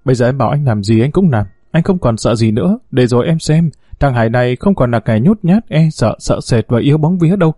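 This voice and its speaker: Man doing a lovesick timid young gangster, hesitant, mellow voice, dry recording, storybook. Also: medium pitch, expressive, quick pace, few pauses, no room sound, close to an everyday voice. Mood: eager. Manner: hesitant, pleading talk. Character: timid, lovesick young male gang member.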